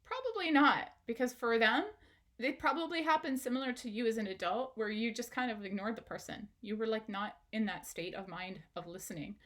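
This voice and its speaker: A woman's voice: fairly high pitch, fairly quick, fairly bright tone. A woman, a parenting educator, giving an instructional talk straight to the viewer, asking questions and encouraging them.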